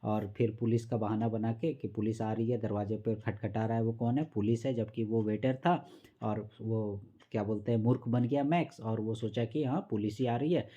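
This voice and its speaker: Mellow male teacher. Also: fairly low pitch, steady tone, lo-fi sound. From Jharkhand or Bihar, India. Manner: patient, repetitive explaining, reads lines slowly then paraphrases. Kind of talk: exam-prep literature lesson.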